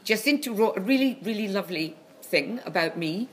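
A woman's voice: medium pitch, lively intonation, brisk. Woman rambling casually, blunt n sweary, hallway echo off concrete walls, noise behind her. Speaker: co-host and venue owner promoting shows. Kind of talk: casual rambling banter and announcements. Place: small echoey venue behind a charity shop. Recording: echoey concrete room, clear background noise.

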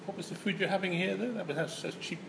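A man's voice: high voice, quick pace. A man interviewing in a casual chat, with teasing, rambling questions. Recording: echoey room with clear background noise.

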